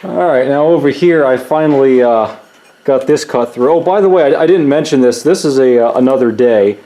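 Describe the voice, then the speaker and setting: Male host, wisecracking workshop commentary, mellow tone. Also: mid-range voice, moderate pace. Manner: joking, wisecracking. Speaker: channel host. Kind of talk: casual shop chat and commentary. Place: home workshop.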